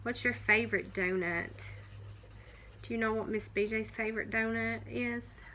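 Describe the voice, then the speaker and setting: A young woman teaching kindergarten phonics, sounding out letters slowly and praising the children. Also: fairly high pitch, steady tone, bright, forceful tone, slight background noise. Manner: slow, encouraging, sounds out letters.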